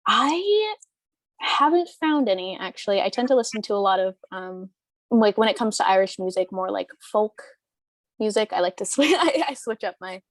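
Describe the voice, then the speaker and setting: A woman's voice: medium pitch, animated, normal speed, no room sound. A woman in her early twenties, talking casually as an interview guest, rambling with lots of fillers and restarts. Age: 20s. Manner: rambling, hesitant, many fillers and restarts, laughs often.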